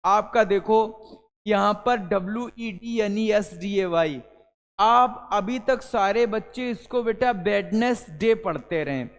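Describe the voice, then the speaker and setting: A man's voice: high-pitched, slow, smooth, in a large hall. A male English teacher gives a classroom lesson, calling students "beta" and answering his own questions.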